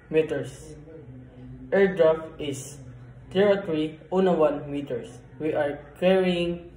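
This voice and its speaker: A man's voice: a little high, mellow. A man playing a ship's officer making a marine radio call to port control, formal and clipped, spelling out each number. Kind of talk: scripted marine radio procedure. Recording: echoey room.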